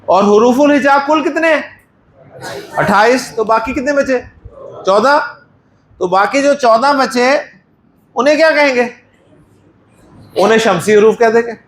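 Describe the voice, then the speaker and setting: A man's voice: very high voice, normal speed, pauses often, reverberant, a little hiss or hum. A male teacher with a Pakistani Urdu accent giving a Quran Arabic lesson in a mosque class, patiently quizzing students and praising their answers.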